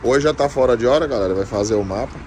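A man's voice: mid-range voice, fast talker, darkish tone, slight background noise. A man in his thirties vlogging on a phone held at arm's length, joking and rambling in slang. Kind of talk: casual vlog chat. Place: outside a shop at dusk, then inside.

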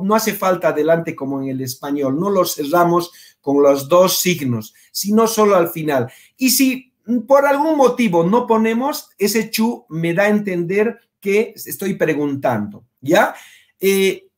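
A man with a high voice runs a virtual language class. He is patient and repetitive, says each Quechua word slowly, then gives its meaning. He often stops to ask whether everyone follows. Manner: patient, repeats words and checks understanding with "¿ya?"; pronounces Quechua words slowly, then translates. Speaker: Quechua teacher. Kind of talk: online language lesson.

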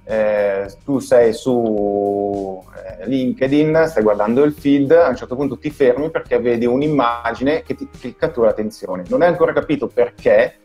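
A man with an Italian accent, a guest designer, explaining things in a halting way that repeats words over a video call. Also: medium pitch, warm tone, faint music behind. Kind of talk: casual video call interview.

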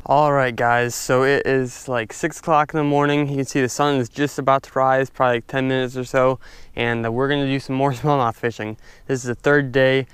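A young man casually narrating his fishing from a stand-up paddleboard on a lake, chatty and excitable, talking to his viewers. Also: mid-range voice, smooth, dry recording. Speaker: fishing vlogger. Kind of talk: casual outdoor commentary. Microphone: head-mounted action camera.

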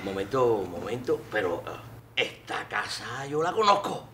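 A man with a Cuban accent playing a nervous, superstitious Cuban back from Spain, animated and mixing in Spanish slang. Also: fairly low pitch, a little slow, roomy sound, exaggerated voice.

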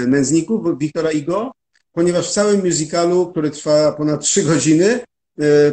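Man with a fairly high voice explaining at length. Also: a little mellow. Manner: methodical, explanatory. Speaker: interview guest, musical translator. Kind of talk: interview answers.

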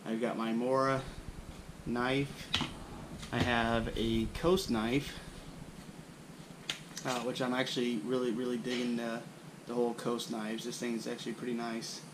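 Young guy talking thru his camping gear, pretty monotone, kinda noisy recording. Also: medium pitch, a little slow, long pauses. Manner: relaxed, rambling with frequent fillers. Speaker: bushcraft channel host. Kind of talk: casual gear show-and-tell. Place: indoors at a wooden floor, small room.

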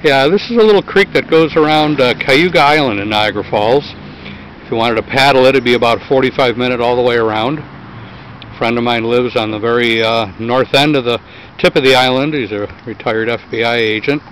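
Man, casual narration, kayaking outdoors, relaxed, chatty, filler words, camera mic. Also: mid-range voice, fairly quick, a little hiss or hum, poor audio. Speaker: kayaker filming friends. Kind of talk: casual narration while paddling.

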